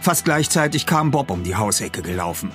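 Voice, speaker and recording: A man narrating an audiobook with lively storytelling. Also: fairly low pitch, normal speed, faint music behind. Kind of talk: audiobook reading.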